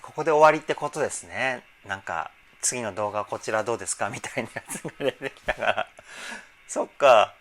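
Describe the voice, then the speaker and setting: A man working as a vocal trainer, giving casual, enthusiastic analysis of a music video's singing and breaking in with excited remarks as he explains. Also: on the low side, slight background noise.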